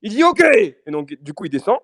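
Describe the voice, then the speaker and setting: Young male podcaster, lively storyteller, dry close sound. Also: high-pitched, fairly quick, husky, no echo. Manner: animated, repetitive restarts, laughing asides. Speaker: podcast host telling a story. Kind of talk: casual chat storytelling.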